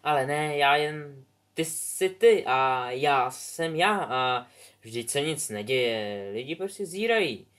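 A man voicing an embarrassed, sulky teenage boy who pleads haltingly. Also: medium pitch, animated, fairly bright tone, clear, resonant tone, close to an everyday voice.

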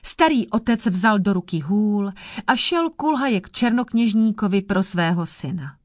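Female storyteller, measured fairy tale reading, mid pitch, dry. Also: animated, darkish tone, dry recording.

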